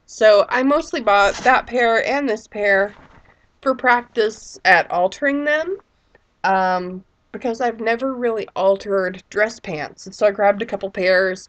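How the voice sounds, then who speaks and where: A woman in her thirties with a sick voice, chatting casually and rambling as a vlogger. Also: mid-range voice. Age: 30s. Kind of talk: casual chat.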